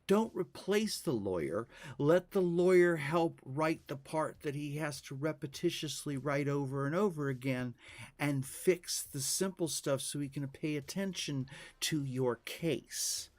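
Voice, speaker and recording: A man hosting a casual podcast conversation, talking in an unhurried, reflective way. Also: fairly high pitch, no room sound. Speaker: podcast host.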